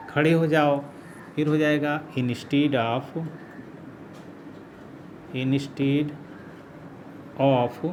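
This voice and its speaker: Slow, repetitive male English teacher. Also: on the high side, slight background noise. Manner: slow, repeats each phrase while writing. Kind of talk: classroom grammar lesson.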